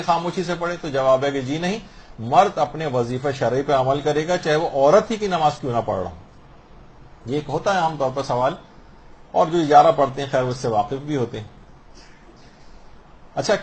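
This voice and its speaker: A man with a Pakistani Urdu accent, a religious scholar teaching prayer rules by posing common questions and answering them. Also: high-pitched. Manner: explains through questions and answers.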